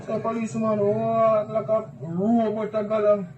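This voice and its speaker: A young Jamaican man tells his account haltingly, stumbling over and repeating words. His voice sits fairly high and is picked up from some distance. The recording is dull and roomy with loud background noise. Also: monotone. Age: young adult. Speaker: eyewitness interviewee. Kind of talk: recounting in Patois-tinged speech.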